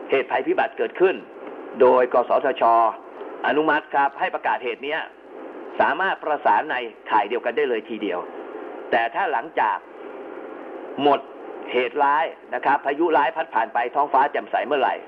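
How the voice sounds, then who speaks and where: A man giving an explanatory lecture as an instructor, going step by step with informal asides. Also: mid-range voice. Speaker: instructor in amateur radio emergency communications. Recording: narrow phone-like band with clear background noise.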